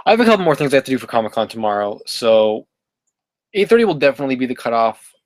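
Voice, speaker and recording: A man's voice: mid-range voice, big pitch swings, quick pace, no room sound. Rambling man on a dry mic. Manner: rambling, many fillers and self-corrections. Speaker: livestream host reading chat. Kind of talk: casual live-stream chat.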